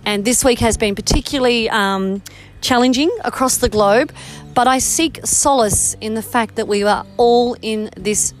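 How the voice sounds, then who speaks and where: A woman hosting a podcast interview, chatty and enthusiastic, often jumping in on her guest. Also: medium pitch. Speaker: podcast host.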